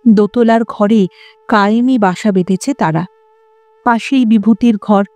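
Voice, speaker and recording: A woman narrating a literary story as an audiobook in a measured storytelling manner. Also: mid-range voice, a little mellow, no echo.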